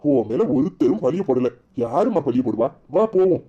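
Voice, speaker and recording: A voice actor playing a gentle, placating old village grandfather with a Kanyakumari Tamil accent in a cartoon. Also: mid-range voice, normal speed, slightly rough. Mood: soothing. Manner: calm, placating. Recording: dull lo-fi audio.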